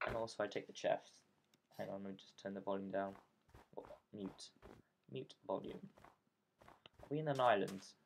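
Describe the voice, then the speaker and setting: A man with a lowish voice narrates his gameplay in a rambling, self-mocking way. He talks from his bedroom and now and then drops into a whisper. A clear hiss sits under the home recording. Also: moderate pace, long pauses. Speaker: gaming channel host. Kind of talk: casual let's play commentary.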